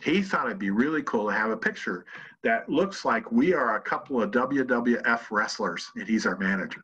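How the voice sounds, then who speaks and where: A man's voice: medium pitch, animated, moderate pace, a bit bright, a little hiss or hum. A man giving a casual presentation on humor, chatty and self-deprecating, with lots of fillers and restarts. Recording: dull lo-fi audio.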